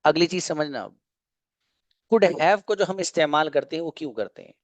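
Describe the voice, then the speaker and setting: A man teaching English grammar in an online class, patiently explaining and repeating example sentences slowly. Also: on the high side, dry recording. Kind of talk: online grammar lesson in Hindi.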